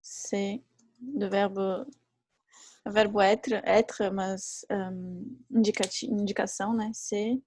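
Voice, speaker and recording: A woman teaching a live online class who explains patiently and repeats each example slowly. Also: mid-range voice, fairly even intonation, darkish tone, no room sound. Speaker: French teacher.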